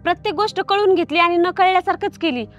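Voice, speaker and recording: A woman playing a shrill, nagging wife. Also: fast, lo-fi sound, soft background music. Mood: accusing. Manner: reproachful, nagging questions. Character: hurt, accusing village wife in her prime. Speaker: suspicious wife. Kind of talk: comedy film acting.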